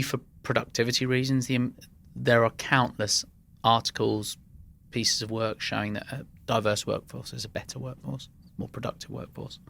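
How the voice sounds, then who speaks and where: A man's voice: mid-range voice, gravelly, fairly bright tone. A man who grew up in England after being born in Iran, a podcast guest telling earnest workplace anecdotes with frequent restarts. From Iran, raised in England. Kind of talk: interview conversation.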